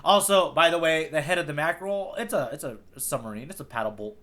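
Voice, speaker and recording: With a somewhat high, fairly bright voice, this podcast co-host talks fast and animatedly. He's casually recapping a manga arc, rambling as he thinks out loud and saying "like" again and again.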